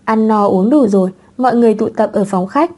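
Một người phụ nữ đọc truyện audiobook bằng giọng đều đều, không vội vàng. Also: female voice, medium pitch, brisk, a little mellow. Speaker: narrator. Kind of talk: audiobook narration of a web novel.

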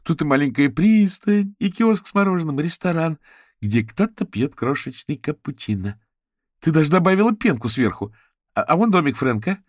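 A man's voice: on the high side, very animated, moderate pace, no room sound, studio quality, voice pushed up. A man voicing a flamboyant, chatty rich socialite woman in an audiobook, in a gushing, theatrical way. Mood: delighted.

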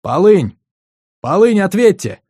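A man voicing a tense male contractor shouting into his radio mid-battle. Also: high voice, expressive, normal speed, no room sound, clean studio sound, voice pushed up.

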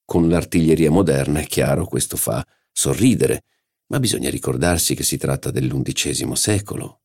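A pedantic old country aristocrat, read by a man, lecturing at length on coats of arms. The voice sits low and gravelly, with a dark, mellow colour. He is precise and fussy about detail. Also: moderate pace, exaggerated voice. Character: older provincial nobleman, pedantic about heraldry.

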